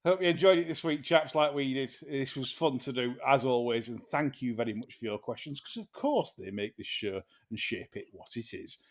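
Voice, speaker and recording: Laughing podcast host, sweary banter. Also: male voice, mid-range voice, moderate pace, few pauses. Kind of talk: casual chat.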